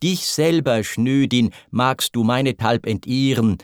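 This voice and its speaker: A man voicing a proud titan brought low, speaking in anguished, pleading verse. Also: unhurried, clean tone, dry recording, clean studio sound, close to an everyday voice.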